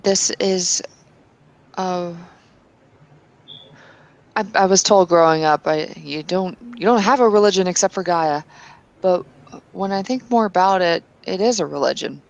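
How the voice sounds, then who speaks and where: In a tabletop roleplay, a woman voices a devout kinfolk woman of faith, an earnest questioner. She speaks slowly in a low, gravelly voice, hesitant and thinking aloud with fillers and frequent restarts.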